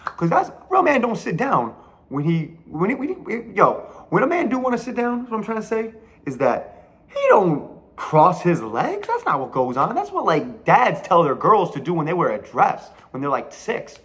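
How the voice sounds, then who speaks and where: Young guy podcast host going off, swearing, pitch jumping all over the place. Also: wildly swooping pitch, normal speed, a bit bright. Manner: blunt, profane, emphatic with slangy asides. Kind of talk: casual solo podcast rant.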